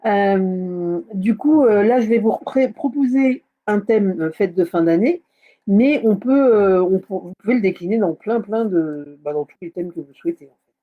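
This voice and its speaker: A woman's voice: medium pitch, normal speed. A woman hosting a casual live craft tutorial, chatting with many fillers and hesitations. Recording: slightly dull lo-fi sound.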